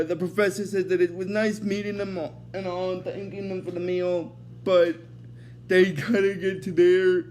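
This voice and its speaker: High-voiced rambling man recapping an episode. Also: a little mellow, a little hiss or hum. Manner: rambling, leans heavily on "basically" and restarts. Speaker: host of an episode recap series. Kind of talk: casual unscripted episode recap.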